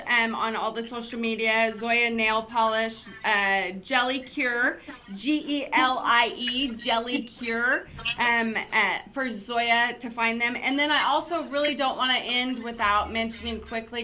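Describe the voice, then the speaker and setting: Give this a bubbly woman host with a high-leaning, very bright voice. She talks in a chatty, excitable way and laughs often. The tone is a casual chat about beauty products. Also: slight background noise. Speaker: host and salon owner.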